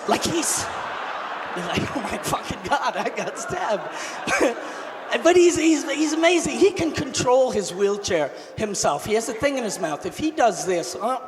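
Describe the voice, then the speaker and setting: A man performing a crude stand-up comedy set on a large theater stage, talking loudly into a handheld mic, shifting between shouting and low muttered asides. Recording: live hall with reverb, audience noise.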